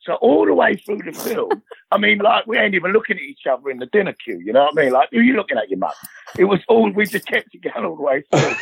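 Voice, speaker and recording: A man's voice: high voice, lively intonation, fast, gravelly, a bit bright, slightly rough, no room sound. A middle-aged man, a guest actor telling stories in a slangy, swearing way and laughing at his own tales. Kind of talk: animated storytelling. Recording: slightly dull lo-fi sound.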